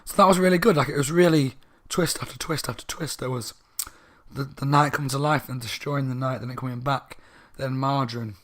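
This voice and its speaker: A man's voice: mid-range voice, fairly even intonation, fairly quick, fairly bright tone. A man giving a casual, slightly drunk book review, rambling and correcting himself. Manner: rambling, tipsy, self-correcting.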